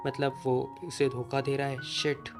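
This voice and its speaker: A man reading the lines of a hot-tempered young man in a blunt, slightly slowed delivery. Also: mid-range voice, completely flat delivery, over music, close to an everyday voice.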